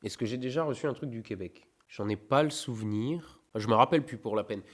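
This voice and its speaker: Host, young man from France, reading fan mail on his channel; relaxed, offhand chatter that turns theatrical on the letters. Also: medium pitch, fairly quick. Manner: reads letters in a raised theatrical voice, chats offhand between them. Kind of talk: casual chat reading letters aloud.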